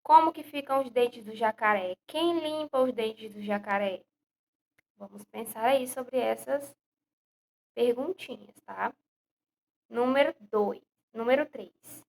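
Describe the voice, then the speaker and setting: A woman's voice: a little high, takes it slowly, creaky, darkish tone. Patient Brazilian woman teaching young children. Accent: Brazilian Portuguese. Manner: patient, explains step by step, repeats questions. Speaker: primary school teacher. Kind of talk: recorded remote lesson.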